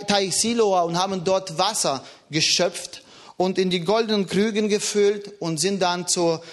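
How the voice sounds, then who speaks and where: A man preaching a sermon in an earnest, emphatic way, with a foreign accent. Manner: earnest, emphatic, rises and drops in pitch.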